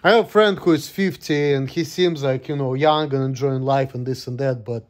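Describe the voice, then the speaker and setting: A man's voice: medium pitch, moderate pace. A man in his thirties venting in a casual vlog monologue, gloomy and full of swearing. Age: 30s. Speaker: vlogger.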